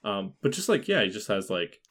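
A man's voice: on the low side, sing-song, a little fast, a bit bright. A man chatting casually about a film on a podcast, rambling with many fillers and frequent laughter.

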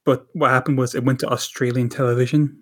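A man's voice: mid-range voice, little pitch movement, quick pace. A man co-hosting a podcast in casual chat, rambling with frequent fillers and restarts. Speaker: podcast co-host.

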